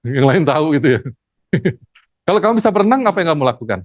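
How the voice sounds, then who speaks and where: Expressive lecturer teaching a class, mid-pitched voice, dry sound, no room echo. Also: quick pace. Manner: animated, acts out stories, asks the class questions. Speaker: theology lecturer.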